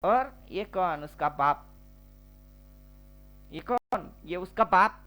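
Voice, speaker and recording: A man walks through a trading chart in an unhurried voice-over. He talks in slang, teases, and keeps tossing out rhetorical questions. Faint music plays underneath. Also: high-pitched, lively intonation, pushed and bright. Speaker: trading teacher.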